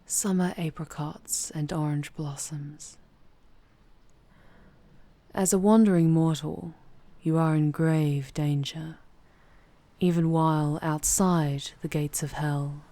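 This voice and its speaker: A woman plays a proud demoness of great age, her dark, velvety voice pitched low and her steady phrasing formal and deliberate, at once teasing, charming, and commanding. The intimate scripted ASMR audio drama has no echo and a very dry sound. The mood comes across as intrigued and measured.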